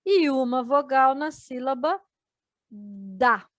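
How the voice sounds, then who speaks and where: A Brazilian woman with a high, expressive voice teaches an adult education video lesson, spelling out words slowly, syllable by syllable, for her students. She speaks with a Brazilian Portuguese accent, and the recording is dry.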